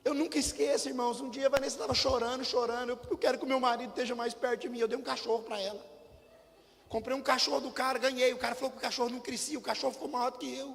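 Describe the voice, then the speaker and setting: A middle-aged man preaching a sermon as pastor, telling lively humorous stories and speaking directly to the congregation. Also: extremely high pitch, racing, creaky. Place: church hall. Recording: church hall reverb with faint music.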